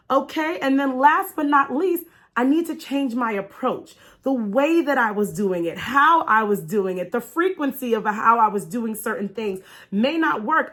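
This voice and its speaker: Speaking straight to her audience, a woman who coaches and vlogs shares a faith-based motivational story, stressing her points and repeating key phrases. Her voice sits high and is a bit bright.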